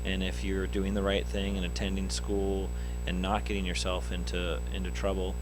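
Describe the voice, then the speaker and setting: Deep-voiced principal in a noisy recording. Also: male voice, monotone. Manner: measured, halting with frequent ums and uhs. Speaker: school principal. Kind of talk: on-camera interview answers. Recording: noisy school video recording.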